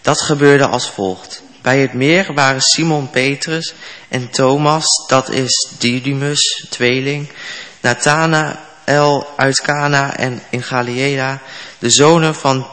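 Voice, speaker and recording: Reading a Bible passage aloud, a man speaks slowly and steadily in a measured way, making a few slips along the way. His mid-pitched voice is bright and clear, and a long reverb rings after his words, as if he were in a large hall.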